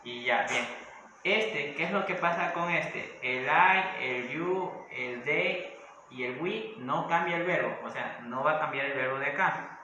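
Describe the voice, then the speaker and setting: An English teacher gives a recorded classroom grammar lesson, explaining step by step and often checking in with questions. His voice is a little high and a little slow, with a bright, forceful tone. The room is echoey with faint noise, and the highs are cut off.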